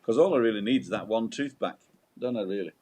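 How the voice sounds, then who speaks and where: A man's voice: on the low side, animated, quick pace, a little mellow. A man hosting a live stream in casual, chatty style. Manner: joking, teasing banter. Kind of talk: casual chat. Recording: internal microphone outdoors in wind.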